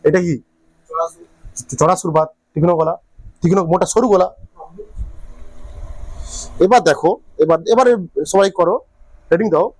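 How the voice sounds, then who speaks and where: A man's voice: high voice, moderate pace, pauses often, a little mellow, dry recording. A man teaching a physics class, repeating his questions to the students and checking often that they follow. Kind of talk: classroom lecture.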